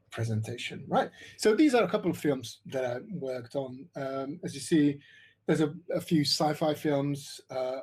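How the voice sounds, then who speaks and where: A middle-aged man from Hungary talks through an online workshop on visual effects. His voice is husky and mid-pitched, and he rambles with many fillers and restarts. It sounds like a computer mic on a video call. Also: darkish tone.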